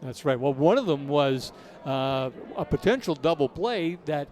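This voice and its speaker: A man's voice: a little high, animated, measured pace, darkish tone. A man doing casual, conversational play-by-play of a baseball game. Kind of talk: casual conversational sports commentary.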